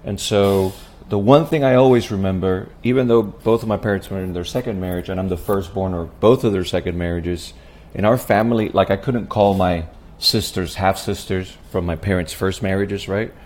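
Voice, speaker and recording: A man with a very deep, low voice, speaking as a preacher on a podcast. He tells personal stories earnestly and reflectively, checking in with a frequent "right?". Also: moderate pace, a little mellow. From Puerto Rico. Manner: earnest, with tag questions like "right?". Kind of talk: reflective personal storytelling in an interview.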